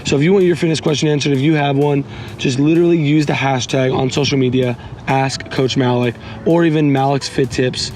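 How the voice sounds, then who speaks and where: A man with a hoarse, raspy, lost voice giving a casual, instructional fitness voiceover as a coach, chatting informally to his viewers. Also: steady tone, a little fast, a little mellow, a little hiss or hum. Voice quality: raspy, strained, squeaky breaks. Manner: informal, addresses viewers as guys, repeats instructions. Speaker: fitness coach hosting a workout show.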